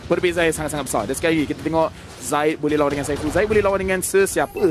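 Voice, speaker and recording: A man with a Malaysian accent working as an esports caster, calling play-by-play in an excitable way and repeating phrases for emphasis. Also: on the high side, rapid-fire, music in the background.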